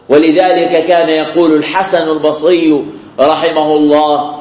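High-voiced preacher in an echoey hall. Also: male voice. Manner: repeats key phrases, slow drawn-out quoting. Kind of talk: sermon. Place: mosque after prayer.

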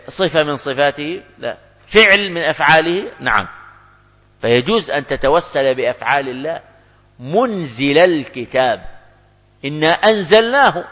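Man preaching in a reverberant hall. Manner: emphatic, rises in pitch and volume when quoting prayers. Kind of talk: religious lesson on supplication. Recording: dull lo-fi recording with long hall reverb.

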